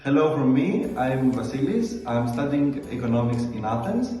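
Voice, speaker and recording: Young Greek-accented male student, mellow tone, thoughtful, distant in an echoey hall. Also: medium pitch, sing-song, normal speed. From Greece. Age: 20s. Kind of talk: personal statement. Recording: echoey hall, far from mic. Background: faint background music.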